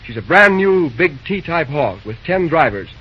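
An actor playing a busy young railroad dispatcher in an old-time radio drama, talking briskly in folksy slang. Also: male voice, fairly high pitch, big pitch swings. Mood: businesslike. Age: young adult. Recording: dull, noisy old radio recording.

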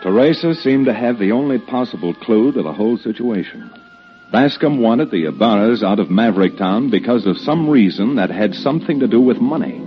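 An actor playing an earnest cowboy hero who also narrates, in an old radio western. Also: male voice, medium pitch, expressive, fairly quick, faint music behind, natural voice. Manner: firm and earnest. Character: steady heroic cowboy, male, narrator. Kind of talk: 1940s radio acting. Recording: dull old radio recording.

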